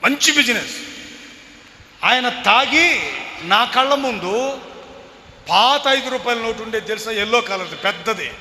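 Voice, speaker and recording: Animated high-voiced preacher in an echoey hall. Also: male voice, unhurried, long pauses. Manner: animated, swings from quiet asides to shouting. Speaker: pastor. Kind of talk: sermon with personal storytelling. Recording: echoey hall with faint background noise.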